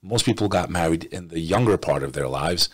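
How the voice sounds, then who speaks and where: A man's voice: sits low, lively intonation, fairly quick, no echo. A man from the United States giving emphatic reaction commentary, often repeating phrases for stress.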